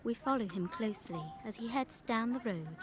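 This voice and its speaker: A woman's voice: a little high, expressive, moderate pace. A woman reading scripted audio description as a narrator. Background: music and crowd noise.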